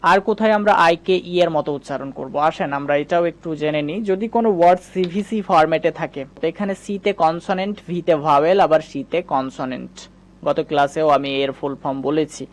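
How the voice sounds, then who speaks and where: A man's voice: on the high side, quick pace. A man teaching English spelling sounds in a patient, step-by-step spoken lesson, repeating each rule. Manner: patient, repetitive, explains step by step.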